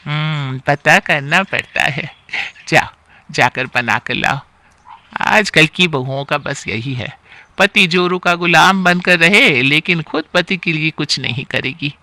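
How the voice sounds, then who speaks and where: A man voicing a sharp-tongued, bossy elderly aunt-in-law in a storybook tale, scolding and sighing complaints. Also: a little high, takes it slowly, no room sound, heavily acted. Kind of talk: storybook character acting.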